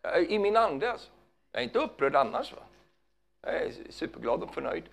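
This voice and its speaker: A man preaching a fervent sermon, calling out hallelujah often and swinging between loud emphasis and hushed asides. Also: on the high side, sing-song, creaky.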